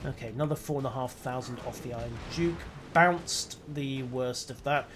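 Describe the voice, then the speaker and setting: Streaming a naval battle game, a man narrates each move to himself with dry, wry muttered asides. His voice is medium in pitch with a fairly bright tone, at a moderate pace, and slight background noise is audible.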